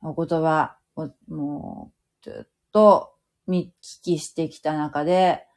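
A woman's voice: deep voice, steady tone, takes it slowly, a little mellow. A woman from Fukuoka giving a casual Bible teaching podcast, explaining patiently and reading scripture aloud with comments. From Fukuoka, Japan. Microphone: home podcast mic.

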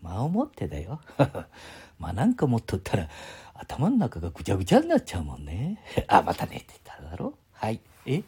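A man's voice: on the low side, wildly swooping pitch, moderate pace, a little mellow, husky. A man in his seventies with a Mikawa dialect, chatting casually and rambling on a live stream from his home, often chuckling. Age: 70s. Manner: rambling, chuckling, talks to himself.

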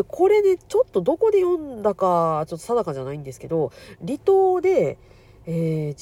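Kansai woman host with a cold, stuffy nasal voice, mellow tone, lively rambling chat. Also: on the low side. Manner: rambling, chatty, self-deprecating. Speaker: podcast host, nurse. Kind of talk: casual solo chat.

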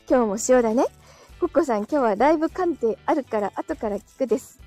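Faint music runs beneath this relaxed live audio stream, where a woman with a slightly high but dark-toned voice reads listener comments and thanks them. She is expressive and chatty at a normal pace, laughing often, though her throat sounds dry.

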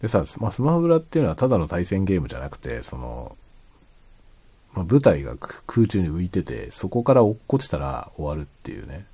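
A man chatting casually and quietly late at night, rambling as he explains, often trailing into soft asides. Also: very animated, brisk, husky. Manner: quiet, low-voiced late-night talk. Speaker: streamer chatting to listeners.

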